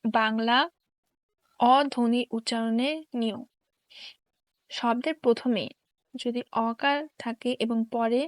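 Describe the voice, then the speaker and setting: A woman teacher slowly reading grammar rules and examples in a careful, dictation-like way. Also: a little high, dry recording.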